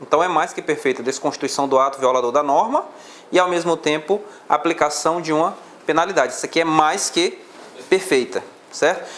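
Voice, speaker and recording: A man's voice: on the high side, fast, fairly bright tone, a little hiss or hum. A male law teacher with a Brazilian Portuguese accent, lecturing a class on exam questions and explaining step by step.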